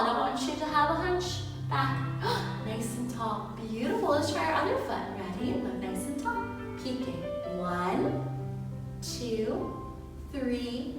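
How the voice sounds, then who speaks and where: A slow-paced, fairly high-voiced woman leads a ballet class for young children. She talks in simple, encouraging instructions with lots of praise, heard from a distance in a strongly echoing room. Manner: encouraging, praising, simple child-directed speech with audible gasps. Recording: echoey room, distant mic, music behind. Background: music.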